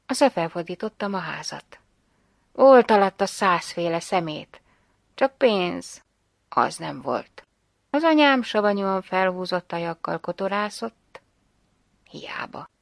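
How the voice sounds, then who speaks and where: A woman reading a story aloud in an expressive, measured narration. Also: lowish voice, vocal fry, no room sound. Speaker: reader.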